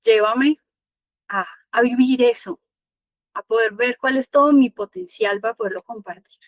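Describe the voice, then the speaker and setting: A woman's voice: on the high side, moderate pace, no echo, close to an everyday voice. A woman voicing an eager, luminous soul. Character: bright, trusting soul, eager and awed.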